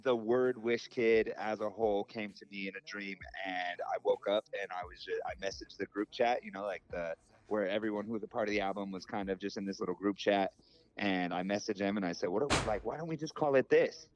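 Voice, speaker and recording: A man's voice: on the low side, brisk. A man, a musician guest, talking in a loose, rambling way over a phone call, filling his sentences with "like" and "you know.". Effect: heard over a phone call. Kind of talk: casual phone interview. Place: in a different time zone from the host. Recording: dull, muffled phone-line sound.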